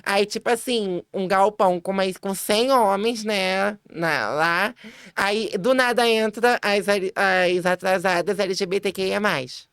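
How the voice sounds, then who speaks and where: A woman guest on a podcast, telling a story in a lively, laughing way, full of quick restarts and high-pitched quoted voices. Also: clean tone, dry recording, clean studio sound. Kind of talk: casual storytelling chat.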